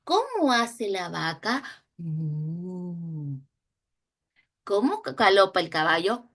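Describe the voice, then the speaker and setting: Slow, bright-voiced Chilean woman teaching. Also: medium pitch, huge pitch swings. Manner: slow, drawn-out modeling of sounds and syllables. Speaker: instructor. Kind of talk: recorded training lesson.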